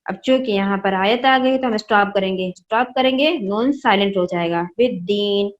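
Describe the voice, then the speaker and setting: A woman's voice: mid-range voice, normal speed, dull audio. A woman teaching children Quran recitation in an online class, patiently spelling out each sound and asking them questions. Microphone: online class, own mic.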